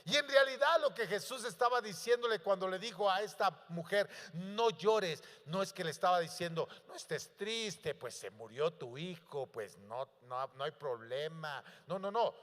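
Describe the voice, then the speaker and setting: A male pastor preaching a sermon, building to loud emphatic peaks and asking the congregation questions. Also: sits high, normal speed, few pauses. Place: church. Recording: long church hall reverb.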